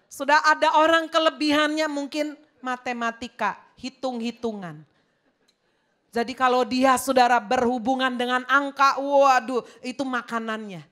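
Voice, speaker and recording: A woman's voice: high voice, fairly even intonation, normal speed, pushed and bright. A woman pastor preaching a sermon in an emphatic way, talking straight to her congregation.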